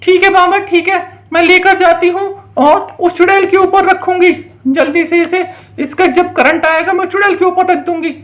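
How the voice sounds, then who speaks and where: A woman's voice: very high-pitched, fairly even intonation, moderate pace, few pauses, reverberant. A woman telling a doll play story in the mother's voice, urgent and scolding.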